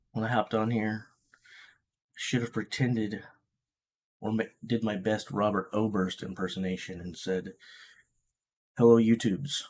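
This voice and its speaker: A man's voice: fairly low pitch, a little mellow. A man casually hosting a live watch-along stream, thinking aloud and muttering to himself as he fiddles with the stream controls.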